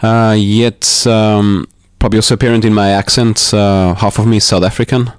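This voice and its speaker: A man from Austria talks through his life story as a podcast guest in a living room. His voice sits fairly low, and he pauses often with ums and restarts as he thinks aloud. The sound is close and dry. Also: flat delivery, clean tone, no room sound. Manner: hesitant, reflective, with many ums and restarts. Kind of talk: casual interview talk.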